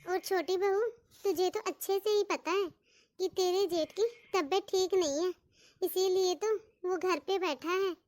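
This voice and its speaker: A woman's voice: very high voice, steady tone, a little slow, a little mellow, dry recording. A woman voicing a stern but fair mother-in-law in a cartoon, scolding and giving orders. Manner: scolding, commanding, calls daughters-in-law "bahu". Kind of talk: cartoon voice acting.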